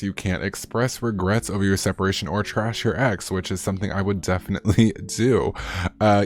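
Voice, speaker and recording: A man, a gaming YouTuber, giving a chatty, upbeat walkthrough of game mods and rattling off lists of features. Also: low-pitched. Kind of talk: casual gameplay commentary.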